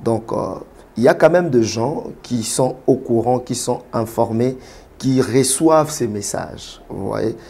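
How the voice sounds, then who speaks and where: A man from Kinshasa, a pastor and prophet, answering interview questions in a measured way with many hesitations. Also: medium pitch, vocal fry, warm tone, husky. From Congo (Kinshasa).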